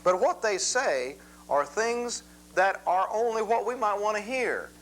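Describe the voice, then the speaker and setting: A man gives a Bible lesson in a measured, methodical lecture, reading scripture aloud. His voice sits a little high for a man. A faint hum runs under the recording. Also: expressive, a bit bright, rough recording. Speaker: Bible teacher.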